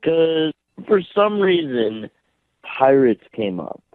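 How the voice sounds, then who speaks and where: A man calling in to a radio show, telling his story slowly and hesitantly. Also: fairly high pitch, very animated, dry recording. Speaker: radio caller. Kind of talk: phone-in chat. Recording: tinny phone line.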